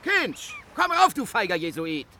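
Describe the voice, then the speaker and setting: A man's voice: high-pitched, huge pitch swings, a little slow, vocal fry, a bit bright, husky, exaggerated voice. An actor playing a boisterous young man who teases his friend and mocks priestly sermons, speaking with theatrical flair in a radio drama. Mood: mock-solemn. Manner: mock-preaching, teasing, theatrical.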